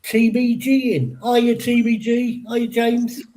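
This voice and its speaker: A man's voice: extremely high pitch, level tone, slow pace, mellow, low-quality recording. A man from London co-hosting a livestream, chatting casually, mostly chiming in with short replies and greeting viewers in the chat. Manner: brief agreeing interjections, reads out chat. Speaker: livestream co-host.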